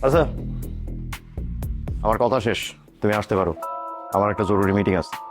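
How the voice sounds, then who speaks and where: A man's voice: fairly low pitch, moderate pace, over music, natural voice. An actor playing a suspicious, scheming boss who speaks sarcastically and warns the woman he addresses. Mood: sarcastic. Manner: sarcastic, warning. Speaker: boss figure addressed as elder brother. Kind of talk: TV drama acting.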